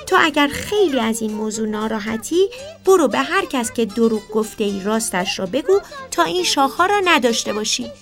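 A woman voicing a gentle magical helper who calmly warns about lies. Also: a little high, faint music behind.

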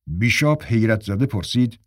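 A man narrating a story in a measured, scripted way. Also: on the low side, lively intonation, no echo, clean studio sound.

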